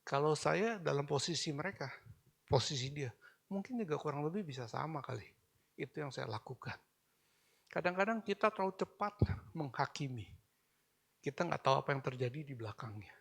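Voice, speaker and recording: A middle-aged male pastor delivering an animated sermon, slipping English phrases into his talk. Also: a little high, a little fast, creaky, pauses often, slightly rough.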